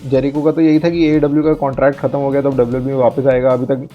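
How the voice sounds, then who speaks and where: A man co-hosting a casual wrestling review chat, laughing often and agreeing with quick short replies. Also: mid-range voice, little pitch movement, highs cut off, faint music behind. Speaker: podcast co-host.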